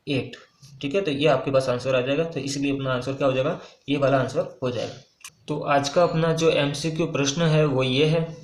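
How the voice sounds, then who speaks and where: A male maths teacher with a fairly high voice walks through a problem step by step. He keeps asking and answering his own questions, with filler pauses between them. The room around him sounds echoey. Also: a little hiss or hum. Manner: casual, with frequent "uh" pauses and repeated phrases. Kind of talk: whiteboard maths lesson.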